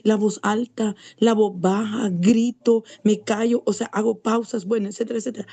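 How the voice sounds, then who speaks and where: A woman's voice: mid-range voice, dark tone, no room sound. A woman with a Salvadoran accent, a teacher of young children, answering on a video call with hesitant, filler-laden speech. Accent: Salvadoran Spanish.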